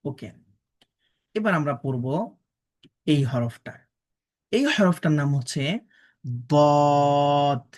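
A woman's voice: low-pitched, lively intonation, unhurried, long pauses. A woman teaching Quran pronunciation, spelling out letters and vowel marks syllable by syllable and explaining patiently. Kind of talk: pronunciation drill lesson.

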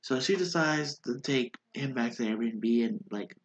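Animated and unhurried, this thirty-something man speaks in a mid-range voice through a stuffy nose, and the recording sounds muffled. He's a vlogger recapping a reality show on a webcam at his desk in a small bedroom with posters, rambling casually with lots of fillers and restarts.

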